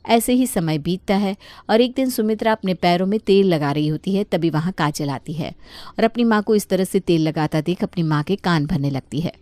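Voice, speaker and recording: A woman narrating a cartoon moral story in a steady, plain manner. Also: on the low side, normal speed, hardly any pauses, dry recording.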